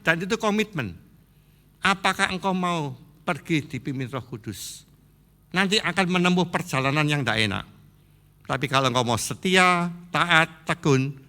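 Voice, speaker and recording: A middle-aged man with an East Javanese accent, preaching a sermon and slipping into Javanese asides, swinging between loud exhortation and low earnest talk. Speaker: pastor.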